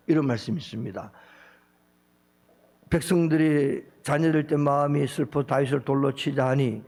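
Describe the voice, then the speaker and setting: A man preaching a sermon as pastor, with a Gyeongsang accent, acting out quoted speech with big swings of pitch. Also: a little mellow. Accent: Gyeongsang Korean.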